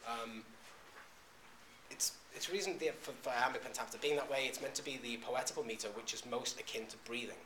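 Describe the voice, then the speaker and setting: A male lecturer speaks at a middling pitch, stopping often on "um" and restarting his sentences. The recording is echoey, with a faint hum of room noise behind him. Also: sharp tone. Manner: halting, frequent "um"s and restarts. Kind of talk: classroom lecture. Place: classroom.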